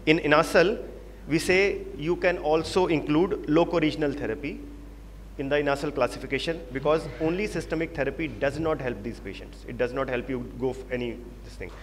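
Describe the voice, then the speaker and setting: Speaking a little high and fairly quickly, this presenter with an Indian English accent runs a medical panel, driving points home through repetition. A handheld microphone captures him in a large, reverberant conference hall with faint background noise.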